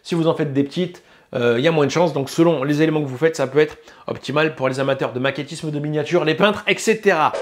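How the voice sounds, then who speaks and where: A man's voice: on the high side, quick pace. Chatty French man reviewing gear. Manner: hesitant, filler-heavy, self-correcting. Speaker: YouTube 3D printing reviewer. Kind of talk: casual product review talk.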